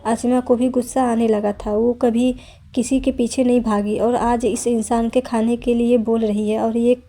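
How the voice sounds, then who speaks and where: A woman narrating a romance novel aloud in a steady, plain reading voice with small restarts. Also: on the high side, moderate pace.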